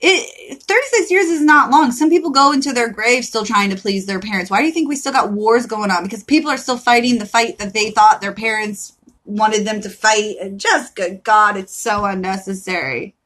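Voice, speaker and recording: A woman's voice: mid-range voice, moderate pace, a bit bright, rough recording. A woman reading tarot cards on a live stream, casual and emphatic, with a profane pep-talk style.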